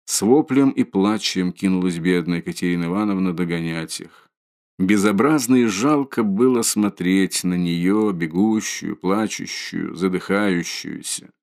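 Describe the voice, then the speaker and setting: Low gravelly male audiobook narrator. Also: a little slow, darkish tone.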